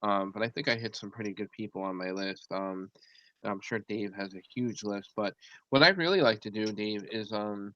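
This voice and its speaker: A man's voice: lowish voice, moderate pace, pushed and bright, dry recording. A man hosting an online show over a video call, rambling with fillers while his volume jumps up and down on a choppy connection. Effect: uneven volume from a choppy call connection. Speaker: host. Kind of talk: casual online show chat. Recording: dull lo-fi call audio.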